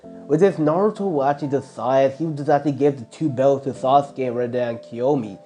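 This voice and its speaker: A man's voice: mid-range voice, a little fast, mellow, soft background music. A man casually improvising a fan fiction story, rambling with constant filler words and restarts.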